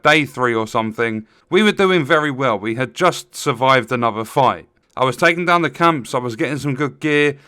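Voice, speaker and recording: A man records an off-the-cuff game review voice-over. His voice is bright and forceful, in a middling register. He lays out his complaints plainly, with frustration, in a close, dry recording. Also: mid-range voice, clean tone, no echo. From Europe. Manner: frustrated, matter-of-fact complaining.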